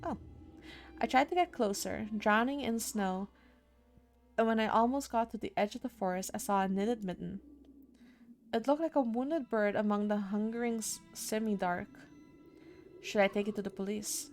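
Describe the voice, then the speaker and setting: This streamer has a mid-range, somewhat dark voice and a moderate pace marked by long pauses. She reads a horror visual novel aloud with drama and spontaneous asides, over game music.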